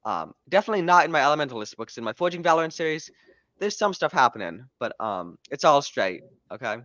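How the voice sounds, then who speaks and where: Bright-voiced man joking on a podcast stream. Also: fairly high pitch, very animated, fast talker, no room sound, lo-fi sound. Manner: joking, rambling, self-interrupting. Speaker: podcast host and author. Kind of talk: casual livestream chat.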